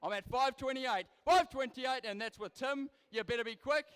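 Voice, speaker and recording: A man's voice: extremely high pitch, normal speed, clear, resonant tone, long reverb tail. A young man working as a livestock auctioneer, rattling out bids in a repetitive, rhythmic chant of numbers. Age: young adult. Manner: repetitive, rhythmic number patter, forceful calls to bidders. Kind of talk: livestock auctioneer's rapid chanting bid-calling.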